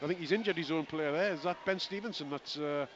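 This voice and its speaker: Man calling rugby live over crowd noise. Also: on the high side. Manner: rapid running play-by-play with chatty asides. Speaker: play-by-play commentator. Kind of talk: live radio rugby commentary. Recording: lo-fi broadcast with outdoor crowd noise.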